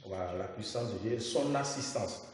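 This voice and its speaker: A man talking as a guest on a religious talk show, lively and quick to repeat the host's words. He sits a little back from the mic, so his voice carries plenty of room echo and a long reverb tail. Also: on the low side, far from the mic, slight background noise. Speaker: guest speaker on a religious program. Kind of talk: radio talk discussion.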